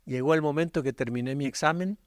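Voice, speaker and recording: A middle-aged male pastor with a Mexican Spanish accent, preaching a storytelling sermon that swings from loud, animated peaks to hushed, quiet passages. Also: on the high side, fast, no room sound, clean studio sound.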